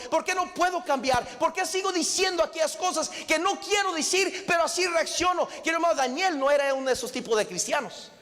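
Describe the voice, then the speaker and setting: A man's voice: very high-pitched, fairly bright tone, big-room sound. A man preaching a sermon as pastor in a church auditorium, pressing his points with repeated questions and rising emphasis.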